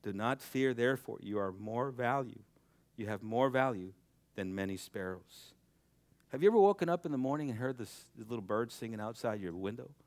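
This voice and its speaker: A young male preacher with a smooth, resonant voice delivers a sermon, recorded close and dry. Expressive and fairly quick, he rises to soaring, nearly shouted exhortations, then sinks into a low, hushed, intimate tone to land his point.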